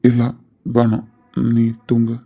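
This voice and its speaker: Woman doing a shy young husband, deep gravelly voice, bit muffled lo-fi audio. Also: monotone, slow, mellow, full character voice. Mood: hesitant. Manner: hesitant, trailing off.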